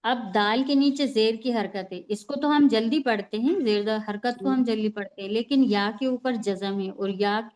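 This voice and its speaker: A woman's voice: a little high, normal speed, few pauses, a little mellow. A woman teaching Quran recitation rules in an online class, patient and repetitive, often checking with "right?". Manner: patient, repeats rules and asks "है ना?". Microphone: online class call.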